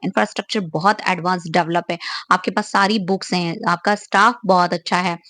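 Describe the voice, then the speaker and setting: A young woman teaches an exam-prep class, her voice pitched a little high. She explains each point step by step and puts questions to her students before answering them herself. The sound is close and dry, with no room around it. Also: a bit bright, no echo. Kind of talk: online exam-prep lecture.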